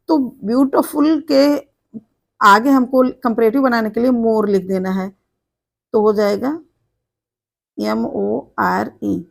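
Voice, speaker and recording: A woman teaching English grammar, explaining rules step by step, spelling words letter by letter and repeating them. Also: on the high side. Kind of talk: board lesson, explaining step by step.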